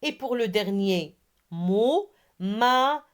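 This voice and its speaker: A woman's voice: a little high, big pitch swings. A woman teaching a reading lesson to young children, spelling out words syllable by syllable and praising her pupils. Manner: slow, syllable by syllable, has pupils repeat after her; encouraging. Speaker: primary school teacher.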